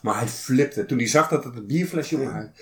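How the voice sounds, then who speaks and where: A man's voice: medium pitch, a little fast, roomy sound, slight background noise. A man telling a heated story in casual chat, peppering his talk with street slang and calling his listener "boy.". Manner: animated, streetwise slang, frequent "jongen".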